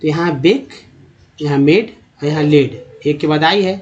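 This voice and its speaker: Man drilling English vowel sounds. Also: on the high side. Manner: repeats each word slowly, drilling vowel sounds; addresses viewers as friends, asks rhetorical questions. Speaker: English pronunciation teacher. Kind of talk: Hindi-language English pronunciation lesson. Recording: dull lo-fi recording.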